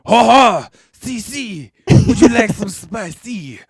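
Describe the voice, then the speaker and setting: A man voicing a cheerful French pizza parlor man in a deliberately bad mock French accent. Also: sits high, lively intonation, breathy edge, voice pushed up, exaggerated voice. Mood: hammy.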